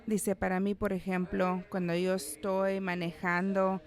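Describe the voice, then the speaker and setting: A man's voice: sits high, monotone, unhurried. A man pastor preaching a sermon in a church service in a conversational way, with playful asides to the congregation and little acted-out voices for the people in the story. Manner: acts out quoted voices.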